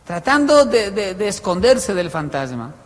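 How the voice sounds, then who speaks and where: A male pastor with a high voice preaches and tells stories to a congregation, his volume swinging from loud passages to quiet asides. His voice carries a long reverb through the church hall. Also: sing-song, a little slow. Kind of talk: sermon.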